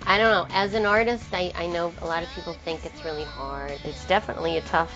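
A low-voiced woman singer-songwriter talks fast in a steady tone during a casual interview in New York, rambling with frequent restarts and unfinished thoughts. Guitar music plays clearly under the muffled, lo-fi sound.

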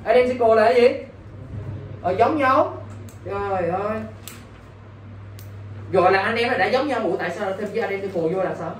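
This male English teacher has a high, slightly bright voice and an animated, moderate-paced delivery broken by long pauses as he quizzes exam-prep students constantly, asking "got it?" Captured on a distant mic, the audio is roomy with faint background noise.

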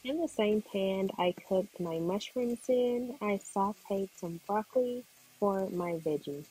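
A woman narrating her cooking video in voice-over, calmly explaining each step. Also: medium pitch, unhurried, slight background noise. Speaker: cooking vlogger.

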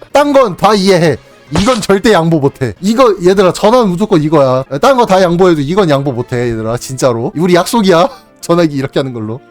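A man's voice: on the high side, lively intonation, a little fast, faint music behind. A young man in his twenties, casually chatting on a live stream, teasing his viewers with playful mock outrage and frequent laughter.

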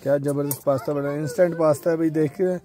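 A man's voice: on the high side, fairly even intonation, quick pace. A man in his forties filming and chatting at an outdoor campsite at night, joking and laughing often. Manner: jokey, laughs often, keeps up the banter. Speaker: vlog co-host. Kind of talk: casual vlog chat.

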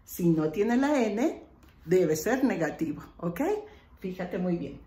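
A woman English teacher, patiently explaining grammar and slowly repeating example phrases. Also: fairly low pitch, expressive, mellow, roomy sound. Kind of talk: online lesson explaining grammar.

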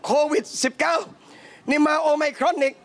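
High-voiced man preaching a lively sermon. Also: moderate pace. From southern Thailand. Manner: animated storytelling, addresses listeners as brothers and sisters. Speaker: Islamic preacher. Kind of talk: lively sermon to a live audience. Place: cafe hall, live talk.

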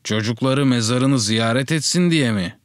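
A man reading the lines of a calm, matter-of-fact father out hunting, speaking slowly and evenly. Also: lowish voice, dry recording, clean studio sound, lightly acted. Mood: puzzled. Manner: slow, measured, unruffled.

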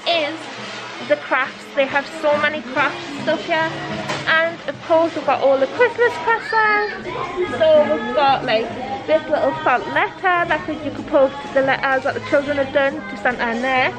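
A Geordie-accented woman in her thirties from Newcastle upon Tyne, England, films a casual shop-with-me vlog as a family vlogger in a large indoor discount store. She chats eagerly about her finds and reads out prices. Her high voice comes at normal speed via a handheld camera, with poor audio and store music and shopper chatter behind her.

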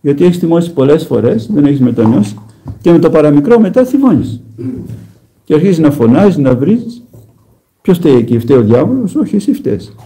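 A man preaching a conversational sermon as an Orthodox monk, telling stories with gentle humor and speaking straight to his listeners. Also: fairly high pitch, very animated, poor audio. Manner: plain storytelling with gentle humor; emphatic direct address to listeners.

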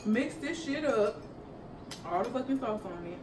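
Young female vlogger, blunt slangy chat, very animated, noisy room with clinking dishes. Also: fairly high pitch, normal speed. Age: young adult. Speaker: vlogger doing a noodle eating challenge. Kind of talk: casual chat. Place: living room sofa, indoors. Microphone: camera a few meters away. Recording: roomy, distant, noisy camera audio.

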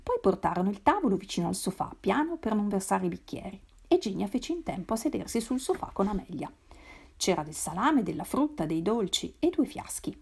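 A woman reading a novel aloud in a measured, expressive way. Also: mid-range voice, creaky, husky. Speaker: reader. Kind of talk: literary read-aloud.

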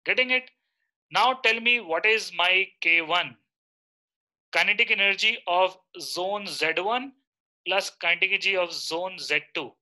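A man's voice: sits high, a little slow, pushed and bright, poor audio. A man in his thirties with an Indian accent, teaching a live online lecture and often checking in with short questions.

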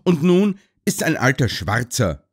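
A furious young gentleman storms about, loud and indignant in broad country speech, as a male narrator voices him. His pitch leaps up and down as he rants. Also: expressive, measured pace. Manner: shouting, broad country dialect.

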